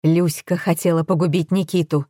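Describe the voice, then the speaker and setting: A woman's voice: lowish voice, flat delivery, normal speed, warm tone, no echo, studio quality, natural voice. A woman voicing a cold, unrepentant older mother who speaks curtly and bluntly. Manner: curt, blunt.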